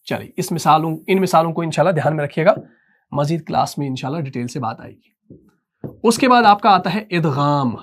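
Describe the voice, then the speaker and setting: A man teaching Quran recitation. He talks patiently and repeats himself, slows down to dictate terms, and keeps asking whether the point is clear. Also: high-pitched, fairly bright tone. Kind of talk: dictated classroom lesson.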